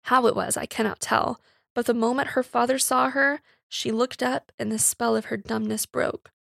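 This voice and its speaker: A woman reading a Victorian short story aloud in a measured, expressive storytelling voice. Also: fairly high pitch, gravelly, no echo, studio quality. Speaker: reader.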